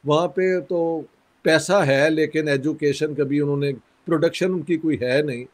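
A man from Pakistan, a guest in an interview, speaking in a measured, critical way with pauses and a sore throat. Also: a little high, steady tone. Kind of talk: conversational interview.

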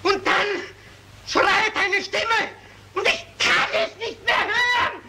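Brief: a haunted killer pleading for his life; high, slow, breaking into screams, 1930s film sound. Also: steady tone, pushed and bright, exaggerated voice, poor audio. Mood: desperate. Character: tormented, hunted male child murderer. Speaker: accused murderer pleading before a mob. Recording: old film soundtrack with faint hiss.

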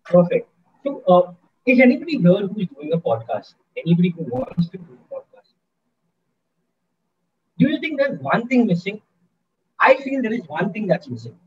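A man's voice: sits high, huge pitch swings, moderate pace, long pauses, darkish tone, muffled recording, a little hiss or hum. A man giving an interactive online lecture to students, upbeat and coaxing, often asking the audience questions. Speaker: guest speaker in a student workshop.

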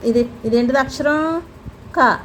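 A woman's voice: sits high, measured pace, slight background noise. A woman in her thirties, a home vlogger and mother, patiently coaxing her child through homework and chatting to viewers while she cooks. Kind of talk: casual home vlog chat. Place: home kitchen.

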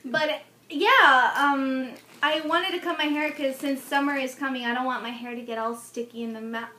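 Young female vlog co-host, high voice, casual talk, tablet recording with echo and slight noise. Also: steady tone, normal speed, bright, forceful tone. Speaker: co-host of a video channel. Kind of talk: casual chat. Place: small room indoors. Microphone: tablet at arm's length. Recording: roomy echo, noisy tablet microphone.

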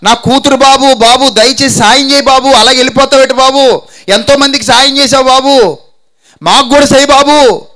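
A desperate mother crying out again and again for help, her voice pitched high and pushed louder than the speaker's usual talk, as a male preacher puts her on. She pleads in a run of repeated cries, retelling the scene within a sermon. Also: moderate pace, poor audio. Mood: pleading.

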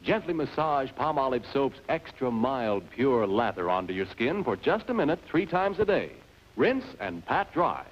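A man's voice: mid-range voice, very animated, moderate pace. A man announcing a soap commercial with earnest, assured claims, heard as old 1950s TV broadcast audio. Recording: dull lo-fi vintage TV soundtrack.

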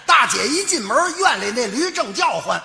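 A man's voice: extremely high pitch, very animated, gravelly, pushed and bright. A man performing crosstalk comedy, rattling off long slangy lists and bursting into theatrical wails. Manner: rapid-fire lists of slang, theatrical wailing. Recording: echoey hall, reverberant stage recording.

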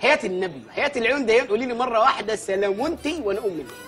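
A bumbling, hot-headed Egyptian village mayor rants in a high, bright voice that races along at full tilt. He pleads and complains loudly in broad comic bursts, with faint music behind. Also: animated, very fast. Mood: exasperated. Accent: Egyptian Arabic. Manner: loud comic ranting and pleading. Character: bumbling, short-tempered village mayor, middle-aged man.

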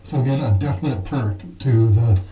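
A man's voice: medium pitch, normal speed, slightly rough. A man's voice comes muffled through a gas mask as he reviews gear. He speaks casually but pushes his voice to be heard, in a small enclosed shower stall picked up by a camera. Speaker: product reviewer. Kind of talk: talking to camera during a gear test.

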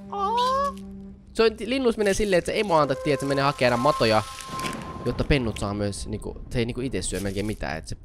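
A young man hosting his channel, giving excited reaction commentary to animations, gasping often and talking straight at the screen. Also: on the high side. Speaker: YouTuber host.

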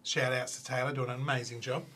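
A man's voice: mid-range voice, flat delivery, fast, sharp tone. An Australian man hosting a casual wine show, chatting and joking with his guests. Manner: chatty, jokey banter. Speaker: show host. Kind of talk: casual chat.

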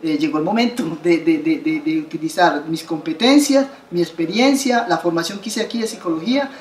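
A brisk, fairly low, slightly mellow voice belongs to a woman in her fifties from Colombia who founded an association. Interviewed about her story, she's earnest, gestures as she speaks, and restarts and repeats words a lot. The bright living room by a window lends roomy sound, with slight background noise.

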